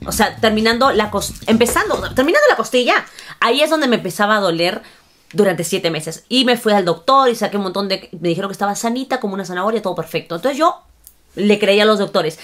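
A young woman co-hosting a storytime video, explaining events in a conversational way with asides. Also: mid-range voice. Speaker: vlog co-host. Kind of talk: storytime chat.

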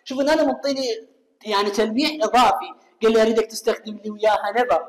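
Fast-talking Iraqi man teaching English. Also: sits high. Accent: Iraqi Arabic. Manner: explains quickly, reads English examples slowly and carefully; asks students questions and answers them himself. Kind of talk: recorded classroom lesson. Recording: echoey room with long reverb.

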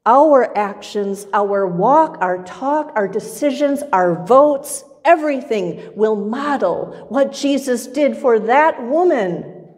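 Middle-aged woman pastor, higher voice, slow measured sermon, church reverb. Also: expressive, darkish tone. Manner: measured, rhythmic preaching with repetition. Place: church sanctuary with pipe organ, far camera.

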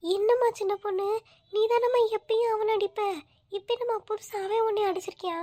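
A woman voicing a kindly, motherly older neighbor who coaxes and gently scolds, speaking in an in a home-made comic skit. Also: extremely high pitch, steady tone, fairly quick. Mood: teasing. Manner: coaxing, gently scolding, calls her "amma".

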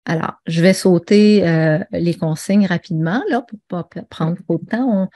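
Low-voiced woman teaching a webinar. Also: moderate pace, warm tone. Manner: conversational, with many fillers and restarts. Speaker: webinar presenter.

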